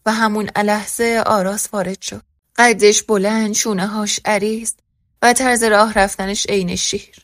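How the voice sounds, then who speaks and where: A woman reading a first-person story aloud as scripted narration, voicing every character in the same even narrating voice. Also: mid-range voice, dry recording, clean studio sound.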